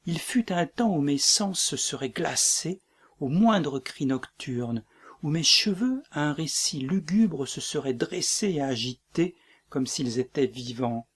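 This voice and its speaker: In a dramatic play reading, a man voices a doomed tyrant king, brooding and then breaking into shouts. His mid-range voice is husky and he takes it slowly.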